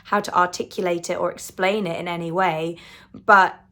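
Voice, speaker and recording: A woman in her twenties speaks in a slightly low voice, calm and earnest. She reflects on awakening in a gentle spoken monologue, repeating words for emphasis. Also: moderate pace. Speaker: spiritual channel host.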